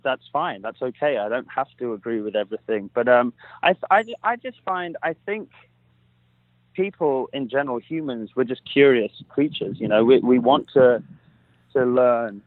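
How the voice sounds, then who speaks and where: A man's voice: mid-range voice, normal speed, no room sound. A British man in his thirties from England, a guest telling stories in an easygoing way and laughing now and then. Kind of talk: casual interview. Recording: tinny phone line.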